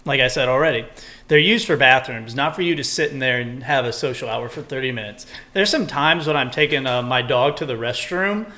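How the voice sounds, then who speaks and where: A man's voice: medium pitch, brisk. A young man chatting casually as a podcast co-host, rambling and swearing freely as he rants. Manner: rambling, profane, animated when ranting. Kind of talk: casual chat.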